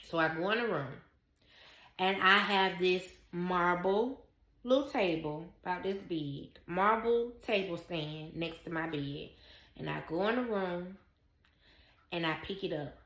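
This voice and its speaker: Bright-voiced woman telling a story. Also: fairly low pitch, unhurried, echoey room. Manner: animated, emphatic, talks straight to the viewer. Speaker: vlogger. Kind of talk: casual personal storytelling.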